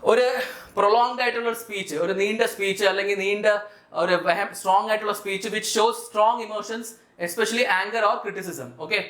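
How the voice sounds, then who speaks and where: A Malayali man with a high, bright voice gives an explanatory lesson as a teacher. He speaks didactically, putting questions to the learner as he goes. The room adds a clear echo. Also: fairly even intonation, normal speed. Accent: Malayali Indian. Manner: didactic, checks understanding with questions. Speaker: vocabulary teacher for exam students. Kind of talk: explanatory lesson, mixing English terms into speech. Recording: echoey room.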